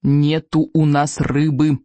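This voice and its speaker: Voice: medium pitch, flat delivery, takes it slowly, warm tone, no room sound, natural voice. Anxious viking kid, grumbles and mutters, pretty plain voice, narrator reading him. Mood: grumbling. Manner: grumbling, strained. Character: anxious young Viking boy. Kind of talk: audiobook reading.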